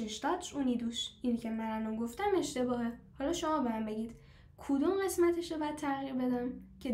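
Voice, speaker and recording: Female teacher, slightly high voice, patient stepwise explainer who quizzes her class; echoey room. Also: darkish tone. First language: Persian. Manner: explains step by step, asks the class questions; slows down to model foreign phrases. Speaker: language teacher. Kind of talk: live online class.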